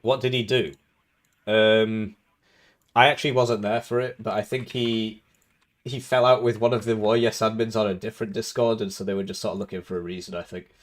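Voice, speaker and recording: He's a young tournament host and caster on a live game stream, chatting casually with jokes and chuckles as he covers the match. His pitch is fairly low and his delivery brisk, with fairly even intonation.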